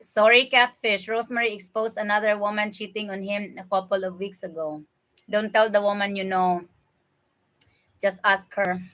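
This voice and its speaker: A woman's voice: mid-range voice, fairly even intonation, moderate pace, fairly bright tone. A woman with a Filipino accent, chatting with viewers during a casual livestream as she eats, laughing often. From Philippines. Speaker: livestream host. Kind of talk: casual livestream chat while eating. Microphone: computer webcam mic.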